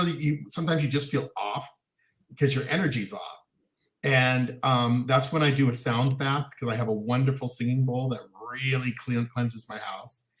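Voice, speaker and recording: Man, co-host, casual earnest rambler, mid pitch, roomy echoey sound. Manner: rambling, earnest, many restarts and ums. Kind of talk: casual chat. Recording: roomy echo.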